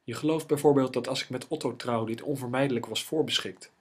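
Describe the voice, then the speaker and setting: A man reading aloud voices an anxious, easily alarmed young woman in a raised, pleading way, with a husky tone. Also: mid-range voice, fast talker, natural voice. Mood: uncertain.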